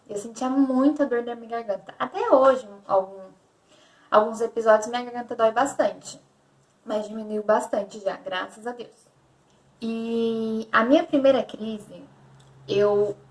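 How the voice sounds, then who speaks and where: A young woman from Brazil with a fairly high voice speaks candidly to camera, looping back on her words as she tells a personal story. She sits back from the mic in an echoey room. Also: recorded from a distance. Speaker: vlogger. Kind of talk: personal confessional vlog.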